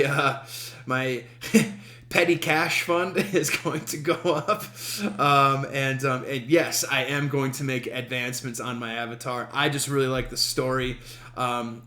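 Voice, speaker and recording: A man from Denver hosting his podcast, telling a story in a casual, halting way full of ums, with a wry, self-amused humor. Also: mid-range voice, fairly bright tone, echoey room. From Denver, USA. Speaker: podcast host.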